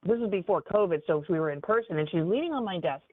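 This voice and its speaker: A woman business advisor giving a webinar training in an animated, conversational way, with frequent fillers. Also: fairly low pitch, quick pace, no echo. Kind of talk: webinar presentation. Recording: tinny phone-like dry audio.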